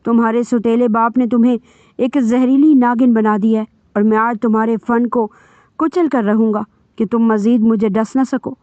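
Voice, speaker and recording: Lady reading as a harsh angry husband, bitter threats, kinda high voice, muffled dry audio. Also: fairly even intonation, darkish tone, no room sound, natural voice. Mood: menacing. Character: furious vengeful young husband, harsh and cold. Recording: dull dry lo-fi recording.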